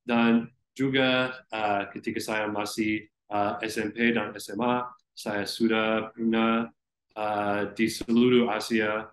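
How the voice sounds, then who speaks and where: Slow, halting young American man, roomy echo. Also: fairly low pitch, flat delivery, a little hiss or hum. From Florida, United States. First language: English. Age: young adult. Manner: halting second-language speech with frequent hesitations. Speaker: interview guest, student. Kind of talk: conversational interview. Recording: roomy, echoey sound.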